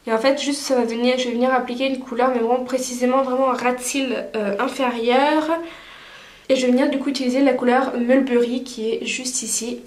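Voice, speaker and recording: A beauty vlogger with a cold sounds stuffy as she chats casually through a makeup tutorial, filling her talk with lots of fillers. Her voice is high and steady in tone, moving a little fast, and the recording is reverberant.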